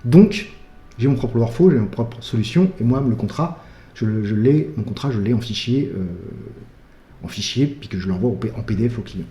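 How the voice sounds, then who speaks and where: A man's voice: mid-range voice, fairly quick, dark tone. Chatty French man in an echoey room. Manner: chatty, full of fillers like "bah" and "euh". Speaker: wedding photographer. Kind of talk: casual tutorial talk.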